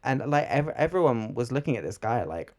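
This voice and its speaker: Brisk and darkish in tone, this young podcast co-host's mid-range voice swings widely in pitch. He chats casually, rambling along in a relaxed manner full of fillers.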